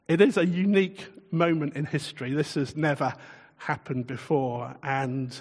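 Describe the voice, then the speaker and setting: A man preaching a sermon in a relaxed, conversational way, chuckling often and putting questions to his listeners. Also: fairly high pitch, measured pace, in a large hall.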